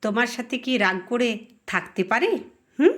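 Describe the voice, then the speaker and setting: Rich: A woman with a somewhat high voice speaks as a doting mother in a playful home role-play. She sounds soothing and gently teasing. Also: sing-song, normal speed, a little hiss or hum.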